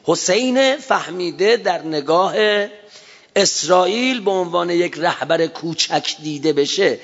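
Iranian-style lecturer in echoing hall. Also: male voice, medium pitch. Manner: storytelling with acted-out quotes and rising emphasis. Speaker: speaker. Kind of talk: religious lecture. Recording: dull sound in a long-reverb hall.

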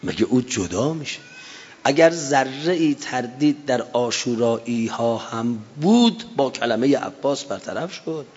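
A man preaching a religious sermon with impassioned emphasis, swelling to drawn-out chanted phrases. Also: mid-range voice, expressive, a little mellow, husky. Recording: dull lo-fi recording in a reverberant hall.

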